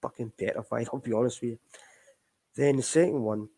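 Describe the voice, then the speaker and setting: Gravelly-voiced Scottish man, candid and rambling. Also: mid-range voice, brisk, dark tone, poor audio. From Scotland. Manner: candid, rambling, addresses listeners as folks. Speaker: recovery podcast host. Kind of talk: casual live chat.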